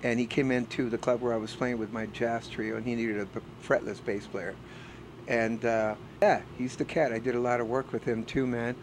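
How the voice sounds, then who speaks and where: Middle-aged man, earnest and hesitant, casual backstage interview with clear background noise. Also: mid-range voice, flat delivery, moderate pace. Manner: earnest and reflective, frequent "uh" hesitations. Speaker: bass player. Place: backstage at a music festival.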